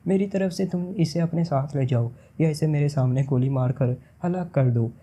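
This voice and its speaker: A man's voice: a little high, mellow, a little hiss or hum, lightly acted. A man reading the lines of a desperate princess who pleads tearfully for her mother's life. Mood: earnest. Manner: tearful, begging.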